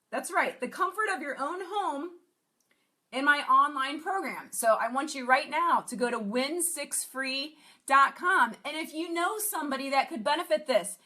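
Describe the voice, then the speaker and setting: A woman fitness coach giving an upbeat promotional pitch, repeating herself and checking in with "okay?". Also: sharp tone. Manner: repetitive, upbeat, emphatic with frequent "okay?". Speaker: fitness coach and gym owner.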